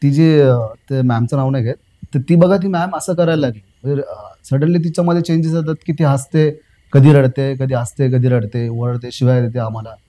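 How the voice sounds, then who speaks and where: Rambling young man, mellow voice. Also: mid-range voice, steady tone, poor audio. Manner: rambling, repeats phrases, fills pauses with "uh", addresses the host as sir. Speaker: guest recounting a personal experience. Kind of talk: casual spoken storytelling.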